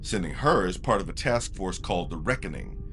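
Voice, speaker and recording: Over faint background music, a man with a very deep, dark voice narrates a fantasy audio drama. His storytelling is measured yet shifts through lively, theatrical intonation.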